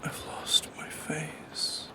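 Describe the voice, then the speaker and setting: An ASMR performer voices a lonely, wistful shadow creature that haunts the listener at night, speaking in a breathy whisper. The soft-spoken monologue is slow, hesitant and philosophically musing, with an anguished, fearful mood.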